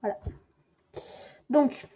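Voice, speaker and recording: A woman's voice: extremely slow, dark tone, slight background noise. A young woman giving a playful, chatty home cooking demonstration in her kitchen, talking to the viewer and to herself. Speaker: cooking vlogger. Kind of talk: casual home cooking demo. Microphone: camera mic propped on a stand.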